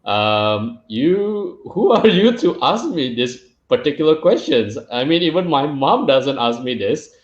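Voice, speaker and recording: A Singapore-raised man hosts a casual podcast interview, speaking thoughtfully and reflectively but turning emphatic when he jokes. His medium-pitched voice is very animated, a little slow, with hardly any pauses. The recording has an echoey, dull, lo-fi room sound.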